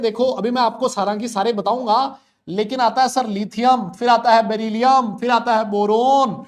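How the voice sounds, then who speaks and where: A man teaching chemistry in a live online class, speaking loudly and repeating students' questions back to them. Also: extremely high pitch. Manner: loud, talks to students, voices their questions back. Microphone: desk mic with level meter.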